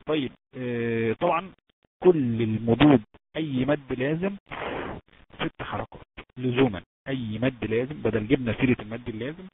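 Egyptian man teaching tajweed, tinny line. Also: mid-range voice. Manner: explains step by step, asks students questions, drawn-out chanted examples. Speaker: Quran recitation teacher. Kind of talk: online tajweed lesson. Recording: tinny noisy phone-like line.

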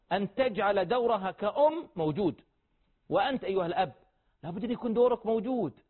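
Radio host, man, preachy family advice, quick husky delivery, tinny line. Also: high-pitched. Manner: earnest, exhortative, addresses listeners directly.

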